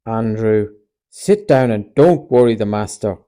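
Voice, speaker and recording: A hot-tempered, protective male disciple who speaks out loudly and forcefully, as a man reads him. His voice is deep and mellow underneath, with a storybook reading style. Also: expressive, unhurried. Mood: angry. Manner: forceful, angry, then remorseful. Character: Peter, fiery protective male disciple, quick to anger. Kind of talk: audiobook reading.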